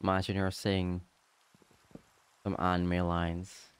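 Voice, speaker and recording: A man chatting casually and playfully as he livestreams a game, rambling in halting bits and repeating his phrases. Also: deep voice, completely flat delivery, smooth. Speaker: livestreamer, VTuber. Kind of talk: casual livestream chat while playing a block-building game.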